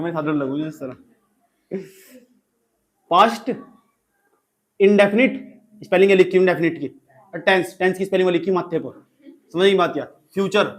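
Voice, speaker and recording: A male teacher, quizzing and teasing students in a classroom lecture. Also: sits high. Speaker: grammar teacher.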